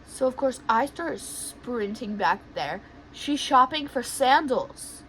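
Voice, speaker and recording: A woman vlogger sits at home doing her makeup and rambles through a story. She talks in a high voice, full of "like" and excited rushes. Her pitch leaps around in lively swings. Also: slight background noise, low-quality recording.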